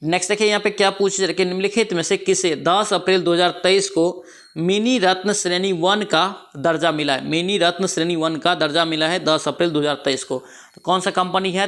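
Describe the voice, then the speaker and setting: Fairly bright and on the high side, this man's voice carries a Bihari Hindi accent and the roughness of a cold-induced sore throat. He's an exam prep teacher in a quiz answer walkthrough lesson, repeating each answer back as a question.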